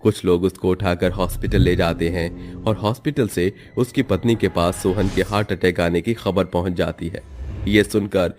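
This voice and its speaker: A man narrating a scripted story in a steady, even way. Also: low voice, normal speed, faint music behind.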